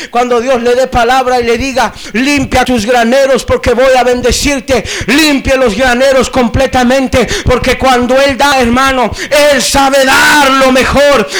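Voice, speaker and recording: A man preaching a sermon, moving from hushed storytelling to loud shouted preaching and repeating phrases for emphasis. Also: extremely high pitch.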